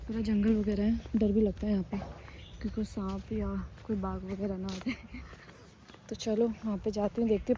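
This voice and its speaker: A woman's voice: medium pitch, warm tone, slight background noise, rough recording. A young woman explaining her plans in a matter-of-fact way while vlogging outdoors on her phone. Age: young adult. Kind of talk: walking vlog narration. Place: outdoors on a country road.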